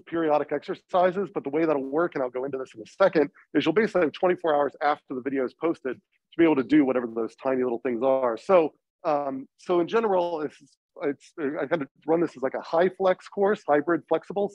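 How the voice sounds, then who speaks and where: A man speaking through a face mask with a cold, giving an informal, halting university lecture introduction. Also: fairly high pitch, dry recording. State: getting over a cold. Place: lecture classroom. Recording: slightly dull, muffled classroom recording.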